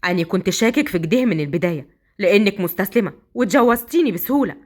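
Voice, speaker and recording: A woman's voice: medium pitch, lively intonation, quick pace, voice pushed down, natural voice. A woman with an Egyptian accent voicing a stern, suspicious young husband who speaks coldly and accusingly, in a storybook romance. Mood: threatening. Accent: Egyptian Arabic. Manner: cold, accusing, then muttering to himself.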